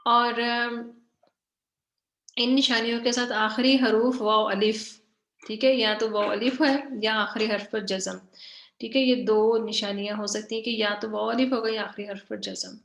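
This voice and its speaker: A woman teaching Quranic grammar in an online lesson. She explains her slides, often repeats her points and checks in with "theek hai", and reads the example words slowly and drawn out. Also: on the high side, steady tone, vocal fry, fairly bright tone, reverberant.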